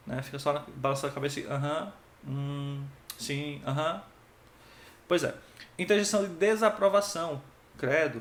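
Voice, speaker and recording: Lively Brazilian man teaching in an echoey room. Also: fairly high pitch, vocal fry. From Pernambuco, Brazil. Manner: lively, acts out each interjection with expressive tone. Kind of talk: exam-prep grammar lesson.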